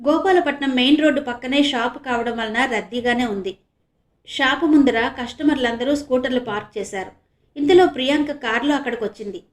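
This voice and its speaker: A woman narrating a serial novel, expressive and lifting her voice for the dialogue. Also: fairly high pitch. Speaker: audiobook narrator. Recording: echoey room.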